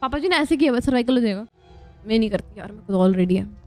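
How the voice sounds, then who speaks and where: A woman's voice: fairly high pitch, lively intonation, fast talker, warm tone, faint music behind. A young woman giving casual, joking gameplay commentary, chatty and prone to squealing laughs when scared. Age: young adult. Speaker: gaming vlogger.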